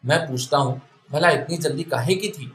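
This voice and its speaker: Guy reading as a rude grumbling husband, slightly high voice, roomy echo. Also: lightly acted. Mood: sneering. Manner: grumbling, insulting. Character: coarse, lecherous young husband.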